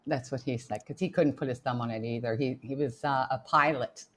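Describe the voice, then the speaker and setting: A woman's voice: very deep voice, fairly even intonation, fairly quick, a little hiss or hum. A middle-aged woman with a Canadian accent and a slight Australian twang, chatting easily as an interview guest with frequent fillers and laughs. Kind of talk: casual interview chat.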